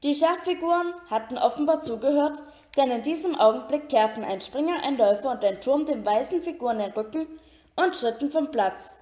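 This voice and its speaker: A woman reading a children's novel aloud in a steady storytelling manner, with occasional slips and restarts. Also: high-pitched, fairly quick. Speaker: reader. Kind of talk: amateur audiobook reading. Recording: roomy echo.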